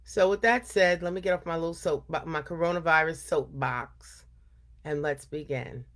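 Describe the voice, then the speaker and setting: An older woman runs a storytime for children, chatting informally and reading aloud in an earnest, deliberate way. Her voice is deep and slightly bright.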